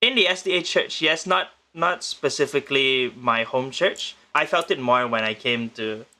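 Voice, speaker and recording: A young man from Penang, Malaysia, a guest musician, answers interview questions from a remote spot in the Philippines. His medium-pitched voice is pushed and bright, and he replies in a measured, thoughtful way, frequently restarting sentences.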